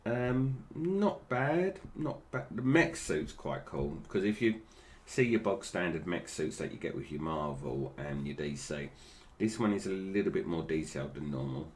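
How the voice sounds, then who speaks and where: A man's voice: low voice, lively intonation, moderate pace, few pauses, a little mellow, slight background noise. A British man giving casual, unscripted toy review commentary, with slightly slurred, toothless articulation that stumbles over names.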